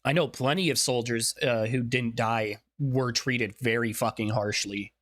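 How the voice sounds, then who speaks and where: A man's voice: mid-range voice, steady tone, measured pace, a bit bright. A man giving casual streamer reaction commentary, blunt and sweary, often thinking aloud as he goes.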